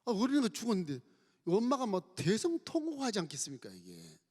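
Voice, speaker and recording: Korean pastor preaching, animated storytelling. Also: male voice, sits high, a little fast, slightly rough, long reverb tail. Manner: storytelling with lively acted quotes. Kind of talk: sermon. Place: church sanctuary.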